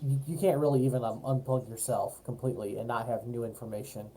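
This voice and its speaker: A man's voice: medium pitch, fairly even intonation, quick pace, mellow, a little hiss or hum, poor audio. A man hosting a podcast in easygoing casual chat, chuckling along with his guest. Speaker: podcast host.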